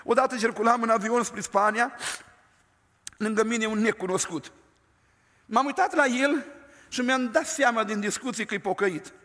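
High, bright older preacher in a reverberant hall. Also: male voice. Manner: emphatic, slows words for stress. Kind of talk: storytelling sermon. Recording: long reverb of a large hall.

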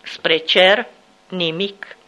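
Bright-voiced woman reading a memoir. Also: fairly low pitch, steady tone. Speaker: narrator. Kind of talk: memoir read aloud.

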